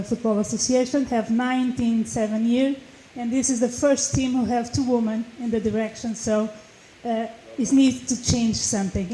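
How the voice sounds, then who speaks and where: Azorean woman panelist, Portuguese-native, slightly high and mellow, halting. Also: a little hiss or hum. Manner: casual, halting, occasional laughs. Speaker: panelist, football association board member. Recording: echoey room with faint ambience.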